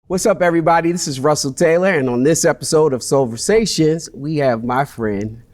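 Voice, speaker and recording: A man hosting a relaxed interview show, upbeat and affirming, often answering with short mm-hmms. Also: on the high side, fairly quick. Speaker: host. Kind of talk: interview host chat.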